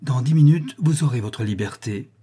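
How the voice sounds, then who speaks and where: A man voicing Madeleine, a lively, teasing young woman, in a high, quick voice. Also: breathy edge.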